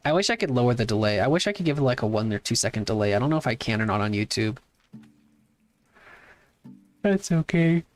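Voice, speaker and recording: A man's voice: on the low side, rapid-fire, few pauses, faint music behind. Laid-back male game streamer. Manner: laid-back, chatty, reads chat aloud and answers. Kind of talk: casual livestream chat while playing.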